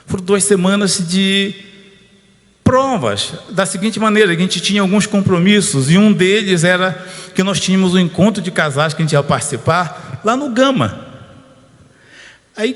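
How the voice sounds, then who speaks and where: A man preaches at a church service with a voice a little higher than most men's. His delivery is informal and chatty, with a personal story and frequent calls to the congregation. His voice carries a long reverb from the church hall. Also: moderate pace. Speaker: pastor. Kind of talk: conversational sermon.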